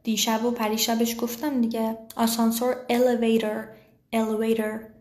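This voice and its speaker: A woman with a Persian accent teaches English in a live online class, reading viewers' questions and answering them in a casual, chatty way. Her voice sits a little high with little rise and fall. The room around her is echoey. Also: a little mellow, slight background noise. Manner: chatty, switches to slow careful English words.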